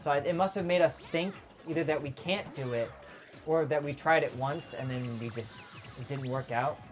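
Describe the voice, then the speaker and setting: A woman's voice: low voice, normal speed. A woman hosting a casual let's play, chatting as she goes. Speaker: gaming host. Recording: game music behind voice. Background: video game music.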